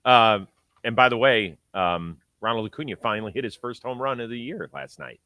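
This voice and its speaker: A man's voice: medium pitch, fairly quick, pushed and bright, no echo. A man hosting a sports talk show, giving conversational commentary with emphatic, punchy phrasing.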